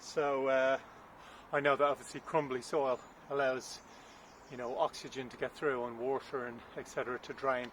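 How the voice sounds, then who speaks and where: A man's voice: medium pitch, level tone, moderate pace, fairly bright tone, slight background noise. A man vlogging from his garden while digging, out of breath, chatting casually and thinking aloud with unsure asides, picked up by a camera on a stand. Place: garden outdoors, windy.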